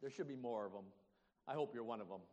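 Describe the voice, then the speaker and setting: A man's voice: medium pitch, darkish tone, big-room sound. A male pastor preaching a sermon, asking the congregation questions and laughing often. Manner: slow, emphatic, laughs often. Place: church.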